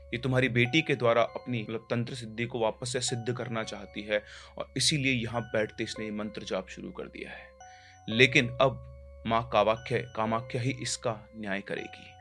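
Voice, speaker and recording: A man's voice: mid-range voice, fairly even intonation, moderate pace, sharp tone, faint music behind, voice pushed down. A man voicing a stern temple priest. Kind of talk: horror story narration.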